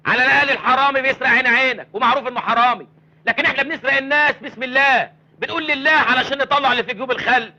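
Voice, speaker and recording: An actor with an Egyptian accent playing a sly street beggar who fakes blindness and pleads in singsong blessings. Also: male voice, very high voice, very fast, pushed and bright, muffled recording, heavily acted. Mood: bitter. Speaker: film character. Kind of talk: film comedy acting.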